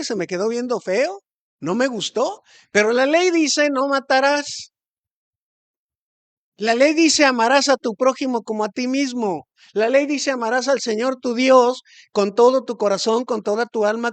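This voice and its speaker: A man's voice: very high voice, fairly bright tone. A man preaching a sermon as pastor in a church hall, talking conversationally with rhetorical questions and hesitant restarts.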